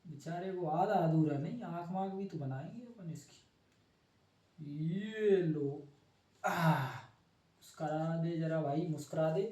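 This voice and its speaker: A man's voice: a little high, moderate pace, few pauses, warm tone, far from the mic. A young man teaching a class informally, joking and teasing himself and his students as he draws. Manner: playful, self-mocking, chatty. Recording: echoey room, voice from off-mic.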